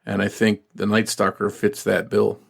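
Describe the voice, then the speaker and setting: A man co-hosting a true crime podcast, reading case details and then musing in a halting, measured way. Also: on the low side, completely flat delivery, creaky. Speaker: podcast co-host.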